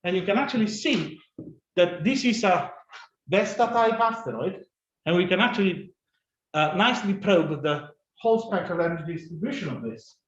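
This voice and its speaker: A man giving a fast, halting scientific conference talk, full of fillers and restarts. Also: high-pitched, expressive. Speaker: conference speaker. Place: conference room or lecture hall. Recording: echoey, dull conference recording.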